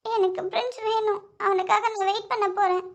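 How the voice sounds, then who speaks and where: A woman's voice: very high-pitched, fairly even intonation, brisk. A woman voicing a lovesick, stubborn young woman in a cartoon, talking emotionally and pleading through tears. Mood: heartbroken.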